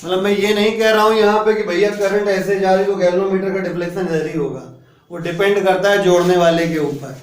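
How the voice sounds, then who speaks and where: A man's voice: sits high, steady tone, a little fast. A male physics teacher lecturing a class. He explains step by step, mixes in words, and keeps asking the students whether they follow. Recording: echoey room, voice a bit distant.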